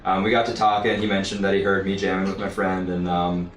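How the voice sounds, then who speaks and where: A man from Florida, a rhythm guitarist guesting on a radio show, telling a story hesitantly with many pauses. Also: low-pitched, flat delivery. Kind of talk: casual radio interview. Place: radio studio. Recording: echoey, distant from the mic.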